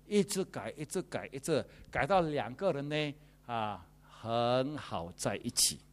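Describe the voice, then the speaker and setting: A man, a pastor preaching a sermon in a lively, joking way. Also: mid-range voice.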